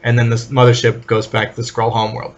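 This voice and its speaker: Guy on a podcast chatting comics, lively, does little voices for the characters now and then. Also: medium pitch, highs cut off. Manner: animated, acts out characters' lines in quick asides. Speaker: podcast co-host. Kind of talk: casual comic book discussion.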